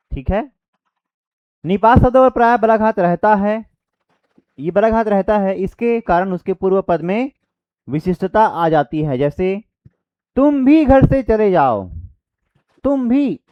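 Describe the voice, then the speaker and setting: A man with a high, smooth voice, its highs cut off, teaches an exam-prep grammar lecture. He explains by repeating examples and quizzes his students.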